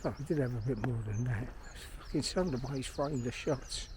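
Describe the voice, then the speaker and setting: This middle-aged vlogger and filmmaker from London, England, chats bluntly and swears through a rambling monologue to himself while strolling in a park. His mid-range voice moves fairly quickly, and the recording carries outdoor noise, birdsong and ambience.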